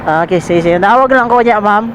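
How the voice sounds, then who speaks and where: Brisk and high-voiced, a Bisaya-accented Filipino man chats informally to viewers, whom he calls pals, as he rides his delivery motorcycle outdoors through traffic. He repeats phrases often, and his helmet intercom microphone picks up loud traffic noise.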